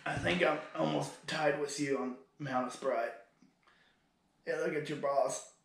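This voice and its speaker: Chatty young man, slightly high voice. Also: steady tone, measured pace, vocal fry, echoey room. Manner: chatty, laughs often. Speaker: podcast co-host. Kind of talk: casual chat.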